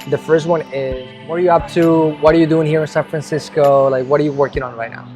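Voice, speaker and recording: Here the host talks fast, his slightly high voice steady and a bit dark, with faint music behind him. He's upbeat and encouraging in this casual interview intro, frequently restarting his questions.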